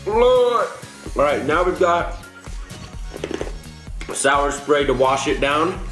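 A teenage guy hosts a casual candy challenge, talking while he eats sour candy and groans in reaction. His delivery is slow and his pitch mid-range. He is recorded in an echoey room on a camera mic, with faint music behind. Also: big pitch swings, a bit bright. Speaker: vlog host. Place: small indoor room at home, seated at a table. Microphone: camera a short distance away.

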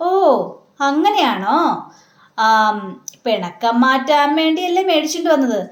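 A woman's voice: high voice, animated, a little slow, roomy sound. Woman doing a sulky, teasing young wife. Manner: teasing, scolding questions.

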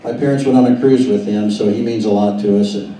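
A man's voice: on the low side, steady tone, quick pace, warm tone. A man organizing a meeting, introducing a speaker in a rambling, hesitant way with fillers. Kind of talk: speech at a meeting. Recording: echoey room, distant mic, faint noise.

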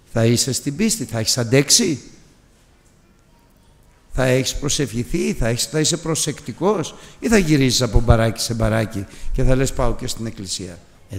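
A male pastor with a gravelly, mid-pitched voice preaches a sermon and tells a personal story with lively storyteller's timing. He turns often to the congregation with questions. His voice carries a long reverb from a church hall.

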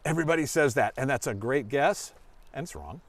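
A middle-aged search dog handler, appearing as a guest presenter, gives children a casual, folksy demonstration in a grassy forest clearing, explaining things and asking questions. His voice is medium-pitched and animated, moving a little fast, and the recording is dry.

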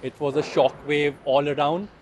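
A man in his thirties giving a steady account in a street interview. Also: a little high, moderate pace, slight background noise. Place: outdoors on a city street.

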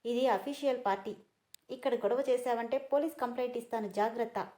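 A woman's voice: on the high side, brisk, dark tone, natural voice. A woman reading a story aloud, voicing a proud, hurt young woman who answers back defiantly and through tears. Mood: tearful defiance. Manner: defiant, tearful.

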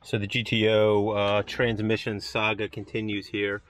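A man's voice: lowish voice, monotone, normal speed, a bit bright. A man narrating a casual vlog in a garage, thinking aloud as he explains a car problem with frequent "um" fillers. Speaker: car shop owner and vlogger. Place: auto garage.

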